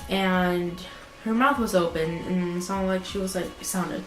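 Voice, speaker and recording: A woman's voice: lowish voice, steady tone, unhurried. A woman with a sick, teary-sounding voice rambles through a casual story time, filling her sentences with likes and ums. The room is echoey. Guitar music plays underneath. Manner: rambling with many fillers. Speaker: vlogger. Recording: roomy echo with music behind.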